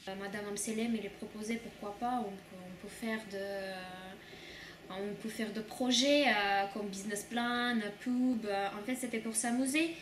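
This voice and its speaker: A young woman, a student, speaking soft, hesitant learner's French with many fillers. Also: mid-range voice, steady tone, moderate pace. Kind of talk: interview answers. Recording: echoey room, far mic, noise.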